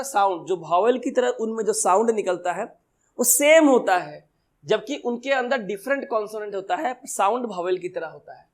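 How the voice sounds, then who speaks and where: Male tutor with a high voice, poses questions and answers them, reads examples slowly. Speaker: teacher. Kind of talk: exam-prep lesson.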